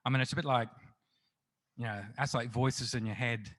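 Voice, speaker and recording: The middle-aged Australian man, a crime novelist, recounts anecdotes during a festival interview, chatty and self-deprecating, with frequent restarts and fillers. His medium-pitched voice is steady and a bit bright, at a moderate pace.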